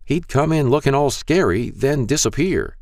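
A man voicing a frail, kindly old male shopkeeper who turns out to be a ghost, talking in a gentle, folksy way. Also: mid-range voice, animated, normal speed, dry recording, studio quality, pitched above the performer's own voice, lightly acted.

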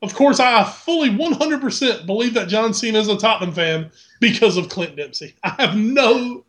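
A man with a fairly high voice and a light Southern US accent trades dry, teasing jokes in a loose sports-podcast conversation. He talks in a casual, easygoing way as co-host. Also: expressive, normal speed, fairly bright tone. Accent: mild Southern US.

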